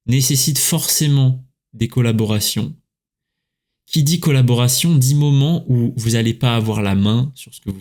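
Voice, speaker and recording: Man from France, podcast host, casual talk, lots of fillers, young adult. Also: mid-range voice. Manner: relaxed, chatty, many fillers and self-corrections. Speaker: podcast host, writer and coach.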